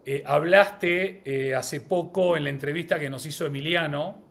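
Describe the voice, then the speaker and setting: A man's voice: fairly high pitch, steady tone, normal speed, creaky, fairly bright tone. A man co-hosting a live-streamed podcast, greeting viewers and running a word-association game. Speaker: podcast co-host.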